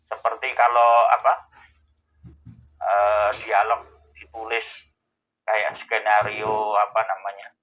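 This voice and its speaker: A man, explaining answers to a host's questions in a thoughtful way, pausing often to find his words. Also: lowish voice, level tone, lo-fi sound. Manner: thoughtful, with many pauses and fillers. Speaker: Islamic scholar answering questions. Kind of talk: explanatory Q&A talk.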